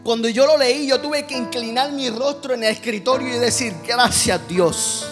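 A man's voice: very high-pitched, fairly even intonation, brisk, over music. A man preaching a sermon with impassioned, rhythmic repetition that swells into near-singing.

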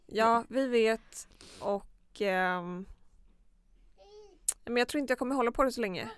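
A woman's voice: a little high, smooth, no room sound. A young woman co-hosting a podcast in casual, musing chat. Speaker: podcast co-host.

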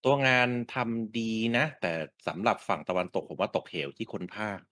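Deep-voiced man with blunt, wry delivery. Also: fairly bright tone, dry recording, studio quality. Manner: blunt, wry, slow and deliberate. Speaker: co-host of a gaming news show. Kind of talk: casual chat.

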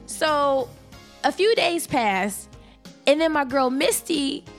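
A young adult woman hosting a podcast, telling stories in an animated, excitable casual chat. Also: slow, faint music behind. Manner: animated, excitable storytelling with big pitch jumps. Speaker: podcast host.

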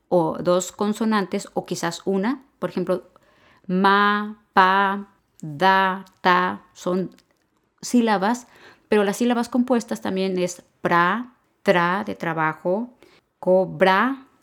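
Patient woman teaching grammar. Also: medium pitch. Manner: patient, explains slowly and repeats points. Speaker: Spanish teacher. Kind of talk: podcast grammar lesson.

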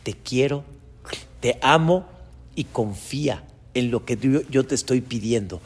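Calm fatherly deity, played by a preacher man: low soft reassurance, slow and husky. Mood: tender.

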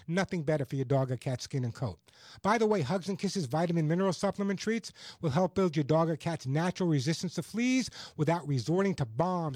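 An American man with a high-pitched voice works as a radio host and pitchman. He speaks in a dry, close studio sound and drives points home with emphatic, salesman-like repetition. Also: a little mellow, no echo. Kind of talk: radio call-in advice and self-read product pitch.

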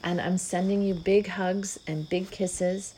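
A middle-aged woman hosting a spiritual podcast, speaking slow, soft gratitude affirmations with hums and sighs. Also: on the low side, steady tone, slight background noise, rough recording. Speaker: podcast host.

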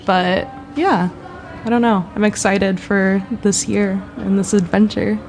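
A woman's voice: mid-range voice, measured pace, soft background music. A woman, hosting a student radio talk show in a casual, chatty way in a studio. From Southern California. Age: 20s. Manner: relaxed, chatty, says "like" often.

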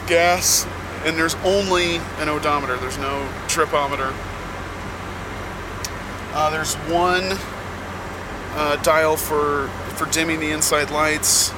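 A man hosting a podcast as a casual, rambling, halting monologue from inside the cab of a truck. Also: a little high. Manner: slow, halting delivery with many pauses. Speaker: podcast host; touring musician. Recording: loud vehicle noise in truck cab. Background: loud vehicle and air noise.

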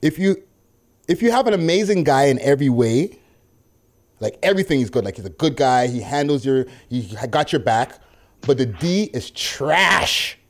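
Man, podcast host, swooping expressive pitch, casual banter, teasing, slangy. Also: normal speed.

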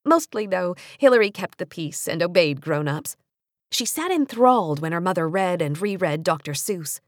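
An American woman narrates a nonfiction audiobook for young readers, speaking in a measured, carefully articulated way with expressive storytelling. Her voice is lowish, recorded close on a studio mic with no room sound.

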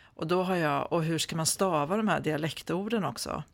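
A man's voice: a little high, gravelly, no echo. A man speaking standard Swedish, answering interview questions as an author in a hesitant way, with many fillers and restarts. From Sweden. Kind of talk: conversational interview.

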